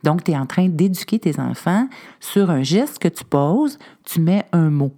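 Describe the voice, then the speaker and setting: A Québécois woman talks through parenting advice in a relaxed, conversational way, slipping into little acted-out lines of what a parent might say aloud. Her voice sits on the lower side and has a warm, mellow tone. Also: unhurried. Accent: Québécois French. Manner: animated, acts out little scenes of what parents can say. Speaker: parenting expert guest.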